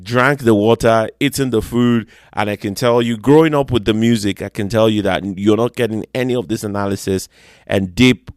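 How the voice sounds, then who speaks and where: A young Nigerian man hosts his own music podcast in a solo monologue, chatting away and joking about how good he is at foreign accents. His voice is on the low side, and the clean studio sound has no echo.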